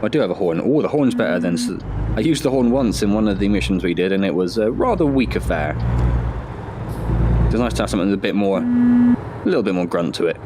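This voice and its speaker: Playing a driving game on his own channel, a gaming host with a slight head cold thinks aloud in a lowish, sing-song voice. He talks fairly quickly but pauses often, with background noise present. The let's-play commentary is casual and chatty, sprinkled with jokes at his own expense.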